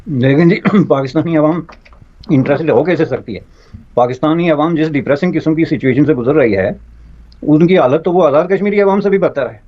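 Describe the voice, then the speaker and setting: Male panelist, formal measured delivery, lo-fi sound. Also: on the high side. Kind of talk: TV panel debate. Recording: dull lo-fi audio.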